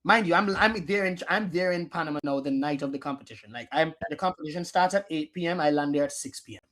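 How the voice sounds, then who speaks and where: A man, a guest DJ telling stories in a casual podcast interview, animated and slangy. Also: a little high, quick pace. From Antigua. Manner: animated storyteller, slangy, acts out his own past lines. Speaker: guest DJ and producer.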